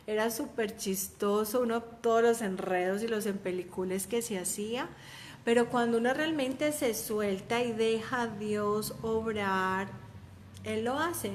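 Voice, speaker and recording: A woman's voice: fairly high pitch, unhurried, slight background noise. A woman, telling a personal faith testimony in a heartfelt, conversational way with frequent restarts. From Colombia. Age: 30s.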